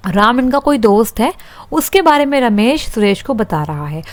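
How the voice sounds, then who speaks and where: A woman's voice: a little high, sing-song, moderate pace, no echo. A young woman teaching a grammar lesson for exam students, reading out example sentences and asking and answering her own questions. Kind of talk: online exam-prep lesson.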